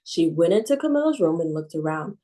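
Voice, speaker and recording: A woman librarian reading a children's picture book aloud in a calm, expressive way. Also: on the low side, brisk.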